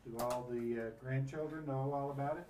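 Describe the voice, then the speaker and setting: A man interviewing a family casually, halting and repeating words as he asks questions. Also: medium pitch, steady tone, dark tone, distant mic, a little hiss or hum.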